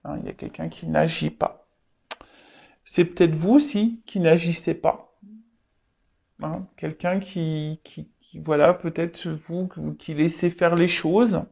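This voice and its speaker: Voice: medium pitch, steady tone, slow, vocal fry. A tarot reader speaks directly to the audience in a loose, unscripted reading, stalling often and circling back through repeated words and fillers. The recording sounds a little dull and lo-fi, with the top end muffled.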